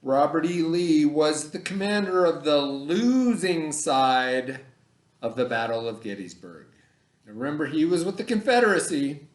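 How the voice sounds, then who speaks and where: A fairly high-pitched, sing-song and slightly slow voice belongs to a middle-aged elementary school teacher leading a read-aloud lesson for children by remote video. He explains conversationally, repeats himself and checks understanding with questions, and the indoor room he's in is echoey.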